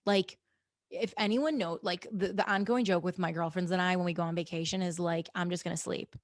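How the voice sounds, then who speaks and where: Female podcast host, lowish voice, dry booth sound; casual pep-talk monologue, keeps asking "okay?". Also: fairly even intonation, a little fast, no echo. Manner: encouraging, repeats "okay?" and "guys" often.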